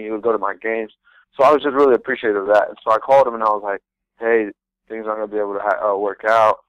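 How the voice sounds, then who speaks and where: Earnest young man with a low voice. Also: a bit bright, clear, resonant tone, dry recording, low-quality recording. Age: young adult. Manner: rambling, restarts, earnest. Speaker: guest, pro soccer rookie. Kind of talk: casual interview storytelling.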